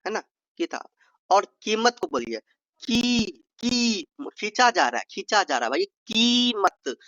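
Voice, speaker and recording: A man's voice: high voice, sing-song, fairly quick, fairly bright tone, no room sound, lo-fi sound. A man from Bihar with a Bihari accent, teaching an informal revision lesson as an exam tutor, playfully stretching out vowels to demonstrate them and calling his viewers brother. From Bihar, India.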